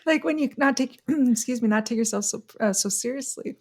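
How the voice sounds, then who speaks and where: A woman co-hosting a podcast in casual chat, easygoing and quick to laugh along. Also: fairly high pitch. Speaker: podcast co-host.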